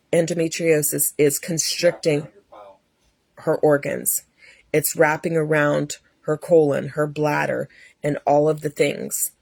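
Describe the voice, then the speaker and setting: A woman voicing a serious, blunt male surgeon who speaks slowly and matter-of-factly. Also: sits low, vocal fry, a little mellow, slightly rough, dry recording, voice pushed down, exaggerated voice. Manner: slow, serious, matter-of-fact.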